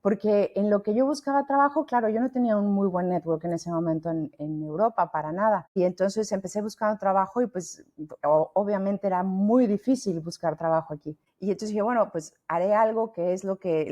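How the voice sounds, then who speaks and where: Speaking with a Mexican Spanish accent in a fairly low voice, this woman, a founder and podcast guest, is lively and chatty. She frequently restarts her sentences during the interview.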